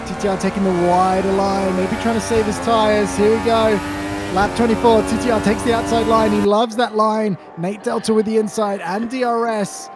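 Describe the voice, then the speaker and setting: Man, race commentator, high voice, excited, urgent, clipped play-by-play, loud music and engines behind. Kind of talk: live sim racing play-by-play commentary.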